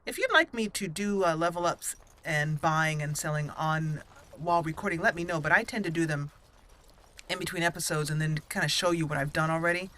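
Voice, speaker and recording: A gaming channel host talks viewers through a roleplay game over game music, chatty, friendly and quick to laugh. Her voice sits low with a fairly bright tone, and she speaks briskly amid slight background noise.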